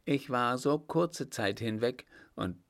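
A man's voice: mid-range voice, slow. A man voicing a stern, imperious emperor in an audiobook, snapping out short, clipped questions. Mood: contemptuous, confident. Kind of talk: audiobook character voice.

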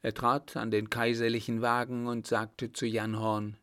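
A man narrating an audiobook in a calm, even storytelling manner. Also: mid-range voice, measured pace.

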